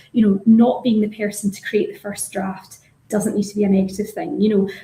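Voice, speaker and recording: A woman's voice: medium pitch, warm tone. A woman speaking as a legal professional on a panel, explaining her approach. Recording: echoey room sound.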